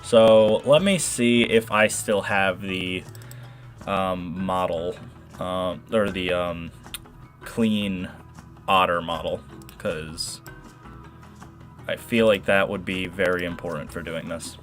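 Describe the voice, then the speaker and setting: A man's voice: low voice, slow, pauses often, soft background music. A young man with a nasal voice hosting a modding livestream, chatting and rambling as he explains his work. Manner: rambling, chatty, reads and answers chat. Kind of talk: casual livestream tutorial.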